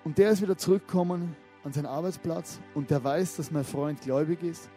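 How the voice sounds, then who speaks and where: A man preaching a sermon in a conversational, lively way, often asking the listeners direct questions. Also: on the high side, brisk, faint music behind.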